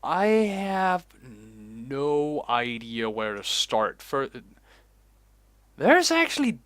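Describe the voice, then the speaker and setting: A Danish man whose first language is Danish hosts a casual reaction vlog, sitting alone at his computer at home. His bright, medium-pitched voice swings hugely in pitch, with no echo. He talks slowly, rambling in an unhurried, chatty way.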